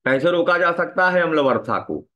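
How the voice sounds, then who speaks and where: A man's voice: on the high side, expressive, normal speed, fairly bright tone, dull audio. A man teaching a classroom lecture, often asking students questions and repeating a tag after his points. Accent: Hindi.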